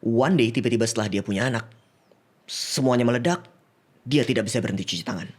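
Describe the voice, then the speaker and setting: A man's voice: medium pitch, fast talker. Guy, psychiatrist on a podcast, walks through cases, laughs a lot, drops english words. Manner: explains with examples, laughs easily, mixes in English. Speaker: psychiatrist guest. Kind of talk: casual podcast conversation.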